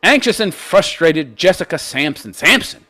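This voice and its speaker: A man's voice: fairly high pitch, very animated, moderate pace, pushed and bright. A man hosting an opinion commentary show, reading out news and mocking it in a brash, coarse-mouthed, exaggerated way. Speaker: host of a commentary channel.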